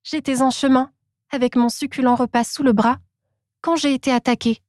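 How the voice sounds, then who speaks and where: A woman's voice: sits high, steady tone, normal speed, darkish tone, no room sound, studio quality, voice pushed up, close to an everyday voice. A woman voicing a small, clever trickster rabbit in a children's storybook reading, speaking in a persuasive way.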